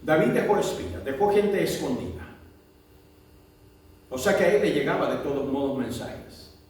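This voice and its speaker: A man preaching a sermon, swinging between loud drawn-out proclamation and low quick asides. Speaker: pastor. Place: church. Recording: echoey church hall, mic at a distance.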